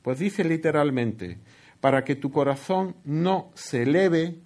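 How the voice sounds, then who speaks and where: A man's voice: fairly high pitch, lively intonation, takes it slowly, darkish tone. A man preaching a sermon, explaining a Bible passage with rhetorical questions and frequent "¿no?" tags. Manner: expository, asks rhetorical questions, tag "¿no?". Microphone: headset earpiece.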